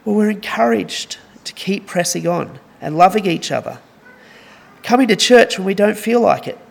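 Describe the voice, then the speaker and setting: A man's voice: high-pitched, gravelly, a bit bright. A young man preaching a sermon in an earnest, conversational way, mixing scripture with stories.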